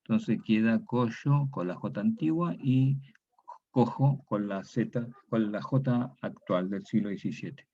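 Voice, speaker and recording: This online historical grammar lecture comes from a man whose voice is lowish and mellow, and he speaks slowly. Key words get repeated, statements often close with a question, and the audio is dull and lo-fi.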